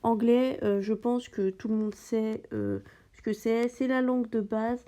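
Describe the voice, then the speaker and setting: In an animated but unhurried way, a French-speaking gaming host talks through her game. Her slightly high voice has a dark tone, and her commentary is hesitant, peppered with fillers and restarts.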